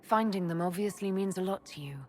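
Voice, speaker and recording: An actress playing a female elf mage leader who speaks calmly and asks direct questions. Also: medium pitch, brisk, natural voice. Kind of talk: video game voice acting.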